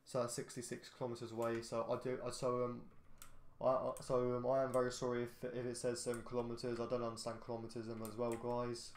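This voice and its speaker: Playing a driving game, a yawning, tired man offers casual gameplay commentary for his YouTube channel, hesitant, rambling, and frequently starting sentences over. He talks fast in a medium-pitched voice with a completely flat delivery, recorded in an echoey room with faint background noise.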